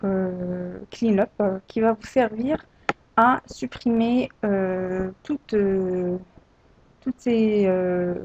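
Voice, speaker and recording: A woman narrating a screen-recorded software tutorial, hesitant and full of fillers and restarts. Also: mid-range voice. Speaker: tutorial presenter. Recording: dull lo-fi home recording.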